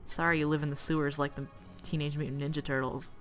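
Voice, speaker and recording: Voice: mid-range voice, level tone, fast talker, faint music behind. A let's play commentator rambling casually about games while playing, with asides to the action. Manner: rambling, chatty, with fillers and asides to the game.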